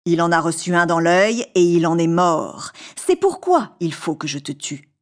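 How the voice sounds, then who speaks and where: A woman's voice: on the low side, expressive, normal speed, natural voice. Woman reading as a giant old genie, stern, relentless, merciless, storybook.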